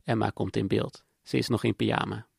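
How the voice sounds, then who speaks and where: A man giving calm, matter-of-fact, intimate first-person narration in a scripted documentary. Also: fairly low pitch, fairly quick, vocal fry, slightly rough, dry recording. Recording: dry close voice-over with faint music.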